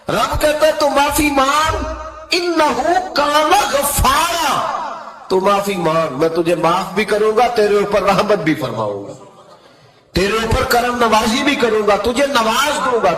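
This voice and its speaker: Male preacher, passionate sermon delivery swinging soft to loud, fairly high voice, roomy echo. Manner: impassioned, swings from soft pleading to high emphatic cries. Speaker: Islamic preacher.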